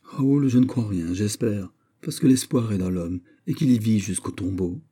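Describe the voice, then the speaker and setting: A man's voice: lowish voice, moderate pace, dark tone, slightly rough. A man voicing a lovesick, jealous young nobleman in an audiobook, speaking with impassioned pleading.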